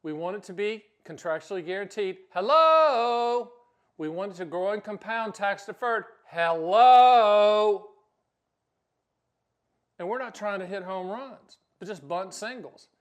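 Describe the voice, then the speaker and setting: A man's voice: sits high, brisk, hardly any pauses. A man hosting his own channel as an annuity agent, explaining casually in a brash, joking, self-promoting way. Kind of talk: casual talking-head explainer.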